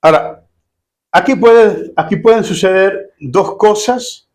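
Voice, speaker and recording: Conversational preaching man, fairly high voice. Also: slow pace. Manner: conversational preaching, acts out quoted voices, asks the congregation questions. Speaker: pastor. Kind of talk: sermon. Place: church.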